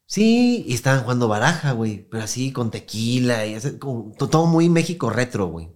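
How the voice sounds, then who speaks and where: A man's voice: medium pitch, animated, fast talker. A young Mexican man hosting a podcast, telling a story in slangy casual chat and acting out the voices he quotes. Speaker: podcast host.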